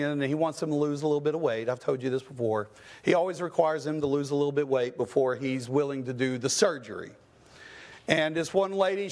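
A man preaching a sermon as pastor in a church, impassioned, with rising questions and stammered restarts. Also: on the high side. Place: church sanctuary.

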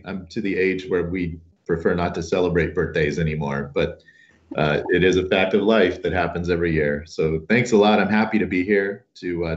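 A middle-aged guest professor answers interview questions from a room at home, his very deep voice scratchy from a cold. He speaks in a relaxed, modest manner full of fillers, and the roomy, muffled audio sounds like a video call.

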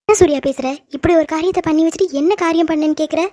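A woman's voice: extremely high pitch, rapid-fire, warm tone, no echo. A woman voicing a middle-aged mother who scolds her son in a cartoon drama, in a reproachful, pleading way.

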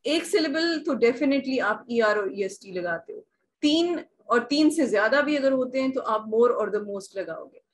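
A woman teaching grammar in an online class, patiently repeating examples and asking if things are clear. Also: a little high, animated, a little hiss or hum, poor audio. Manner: patient, repeats examples slowly, asks checking questions. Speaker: English teacher. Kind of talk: online class, bilingual explanation.

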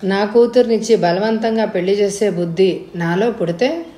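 A woman's voice: mid-range voice, normal speed, mellow, reverberant, lightly acted. A woman voicing a worried, sad older father in a spoken storybook, resigned and pleading.

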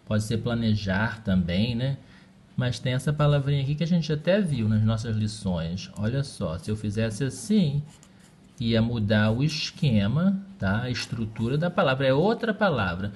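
A man's voice: medium pitch, animated, normal speed, a little mellow, a little hiss or hum. Patient man teaching English. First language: Portuguese. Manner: patient, checks in often with "tá ok?". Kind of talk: recorded lesson at a whiteboard.

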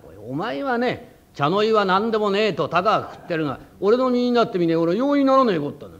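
A man's voice: high voice, very animated, fast talker, voice pushed up. A man doing a blustering tofu shop owner. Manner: loud, rough, hot-tempered Edo-style talk. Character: blustering middle-aged tofu shop owner, proud and rough. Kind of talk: rakugo storytelling. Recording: dull lo-fi old recording.

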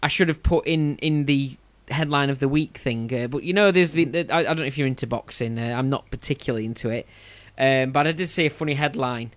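A man's voice: mid-range voice, a little fast, hardly any pauses, dry recording. A man with a Yorkshire accent hosting a podcast in a casual, rambling way, often restarting his sentences. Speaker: podcast host.

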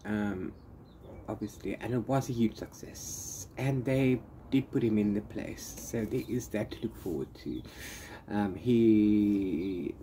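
Here a man with a fairly low, dark voice rambles casually through a book review vlog, trailing off into repeated fillers. It was captured outdoors under an open-sided corrugated-iron shelter, where background noise and open-air ambience come through clearly.

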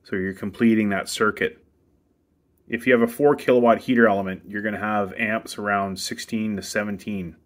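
Low-voiced man explaining hot tub repairs. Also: steady tone, moderate pace. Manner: plain, practical step-by-step instructions. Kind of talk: casual how-to demonstration. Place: outdoors beside a hot tub equipment bay.

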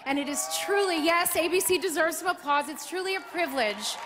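High-voiced woman hosting a live awards show. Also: brisk, noisy background. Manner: playful, self-mocking, bursts into sung lines. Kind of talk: comedic opening monologue. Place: large live arena stage. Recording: live arena sound with loud crowd. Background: audience applause and cheering.

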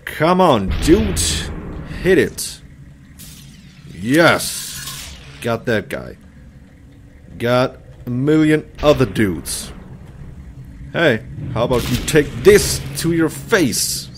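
A man's voice: medium pitch, big pitch swings, extremely slow, long pauses, slight background noise. A man in his thirties giving casual, exclamatory let's-play commentary in short bursts as he plays. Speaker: video game player and commentator. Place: indoor room, seated at a computer.

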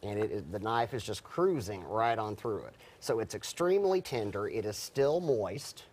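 A man's voice: fairly low pitch, lively intonation, moderate pace, a little mellow. Man, middle-aged, TV cooking segment, chatty explainer, lapel mic, faint studio hum. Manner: chatty, explains while chopping, frequent restarts. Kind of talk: cooking demonstration chat. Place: TV news studio set.

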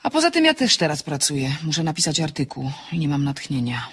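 A woman's voice: sits low, sing-song, brisk, fairly bright tone, slightly rough, heavily acted. An actress playing a dry, ironic woman architect in a radio drama, trading quips on the phone. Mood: wry. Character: wry, sharp-tongued woman architect.

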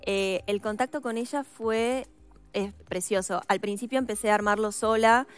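A woman from Ukraine, an actress talking casually in a studio interview, soft-spoken and thoughtful with frequent hesitations. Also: medium pitch, steady tone, moderate pace, faint music behind. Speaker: actress guest.

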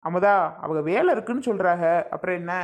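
A woman's voice: on the low side, lively intonation, fast, close to an everyday voice. A woman voicing an easygoing young husband in a cartoon, teasing and hospitable. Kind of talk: cartoon voice acting.

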